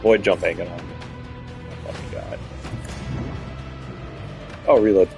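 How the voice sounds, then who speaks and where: Sex: man. Role: streamer. Style: casual play-by-play commentary with blunt, sweary reactions. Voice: on the low side, with faint music underneath. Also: fairly even intonation, measured pace, vocal fry.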